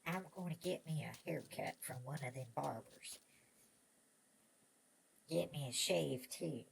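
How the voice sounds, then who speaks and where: An actor playing an excitable, chatty old prospector with an American Old West drawl, stammering and rambling in a Western audio drama. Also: male voice, fairly high pitch, a little slow, gravelly, slight background noise. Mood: eager, rambling. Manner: rambling, stammering, repeats words, chuckling old prospector talk.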